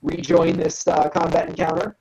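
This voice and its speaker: Low gravelly woman running a game. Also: moderate pace, noisy background. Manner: relaxed, hesitant, frequent ums. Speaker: game master. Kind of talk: narrating a tabletop game.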